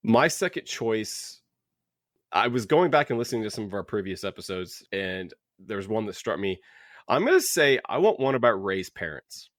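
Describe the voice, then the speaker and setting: Chatting casually and enthusiastically about books, a man co-hosts a book club podcast. His voice is on the low side and a bit bright, with big pitch swings at normal speed, and the clean studio recording is dry.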